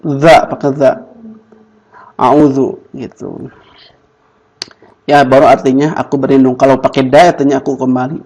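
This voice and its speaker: A man's voice: mid-range voice, level tone, normal speed, long pauses, darkish tone, rough recording. A young man, teaching a class, drilling students with repeated questions. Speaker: Quran Arabic teacher. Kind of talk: classroom lesson.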